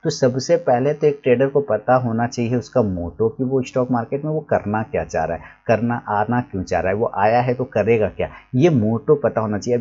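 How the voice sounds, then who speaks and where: A man's voice: fairly low pitch, warm tone. Man, trading teacher, casual lesson, repeats points patiently, muffled lo-fi audio. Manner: explains patiently, repeating points and acting out examples. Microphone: recorded while writing on a board.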